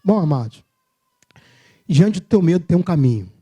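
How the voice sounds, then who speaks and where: A man's voice: a little high, very animated, normal speed, mellow, husky, lo-fi sound. A Brazilian man preaching a sermon at a church service, telling personal stories in a humorous, self-mocking, conversational way.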